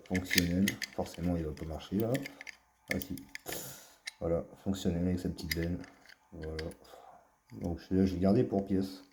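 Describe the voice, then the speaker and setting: A man's voice: low-pitched, dark tone. A man casually showing his collection in a vlog, talking hesitantly with many fillers and a fond tone. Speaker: collector presenting his finds. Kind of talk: casual show-and-tell vlog. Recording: echoey room.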